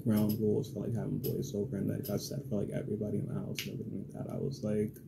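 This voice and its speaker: A man's voice: on the low side, level tone, rapid-fire, creaky, background noise. A young man telling a story in a casual, rambling way, full of fillers and swearing, getting heated. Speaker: vlogger.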